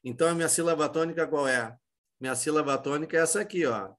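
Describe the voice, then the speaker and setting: A man with a Brazilian Portuguese accent gives an exam-prep Spanish lesson in a slightly high voice. He poses questions and answers them himself, with a loose, informal delivery full of restarts. He sounds middle-aged. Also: quick pace, fairly bright tone. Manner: explanatory, asks and answers his own questions; many fillers and restarts, informal. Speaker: Spanish teacher.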